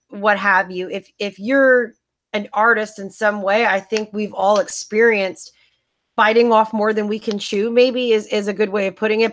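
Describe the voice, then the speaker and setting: A woman's voice: mid-range voice, fairly bright tone, no room sound. A woman co-hosting a casual podcast chat, easygoing and steering the topics. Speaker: podcast co-host.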